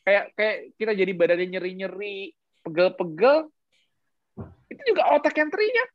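A speaker explaining health science in casual podcast talk, animated, posing rhetorical questions and mixing in English terms. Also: medium pitch, moderate pace, no room sound, muffled recording.

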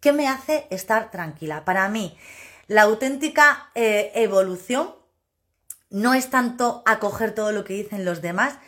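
A woman, hosting a casual live stream as a personal development coach, talking loudly and emphatically and laughing often. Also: mid-range voice, lively intonation, a little slow.

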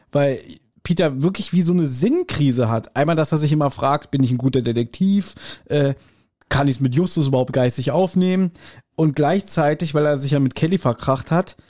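A man's voice: a little high, normal speed, mellow. A man co-hosting a casual podcast chat, explaining his thoughts at length. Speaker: podcast co-host.

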